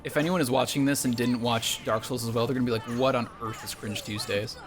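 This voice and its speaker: A man's voice: medium pitch, steady tone, fast, music in the background. A man playing a video game and chatting with his co-host, mock-boastful and sarcastic in his jokes. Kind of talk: casual gameplay commentary.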